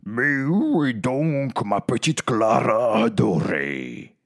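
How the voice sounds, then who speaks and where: A man plays an old vampire-werewolf grandpa with a very deep, husky, bellowing voice, slow and swooping. He fumes theatrically. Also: very animated, full character voice. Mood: fond. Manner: bellowing, outraged.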